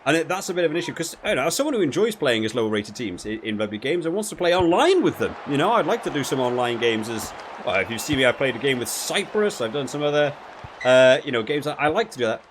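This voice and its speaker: A man talks fast in a sing-song, medium-pitched voice as he reviews a rugby game for his gaming videos. His commentary is casual and rambling, like he's thinking aloud, and a little hiss or hum sits under the recording.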